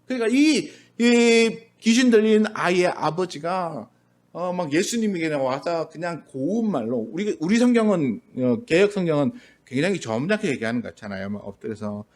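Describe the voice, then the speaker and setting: A man's voice: on the high side, animated, normal speed. A man pastor giving a Sunday sermon in a church, talking in a conversational way and now and then acting out the voices he quotes. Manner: conversational preaching, briefly acts out quoted voices. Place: church sanctuary.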